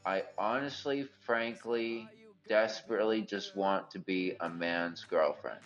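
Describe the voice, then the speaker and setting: Low, gravelly smoker's voice, male. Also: a little slow, a bit bright, highs cut off, faint music behind. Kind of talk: rambling personal monologue.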